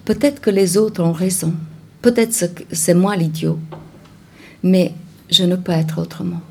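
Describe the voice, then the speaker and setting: A woman reading the part of a shy, earnest young man who speaks softly and haltingly. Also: on the low side, fairly even intonation, vocal fry, slight background noise.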